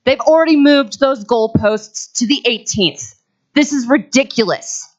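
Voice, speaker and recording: A woman's voice: a little high, unhurried. A woman giving an angry, accusatory public comment at a school board meeting. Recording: dull lo-fi livestream audio.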